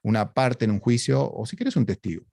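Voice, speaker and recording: A man's voice: medium pitch, brisk, creaky, darkish tone, no room sound, studio quality. A man with an Argentine Spanish accent giving a conversational academic talk over a video call, explaining points and asking rhetorical questions. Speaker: lecturer.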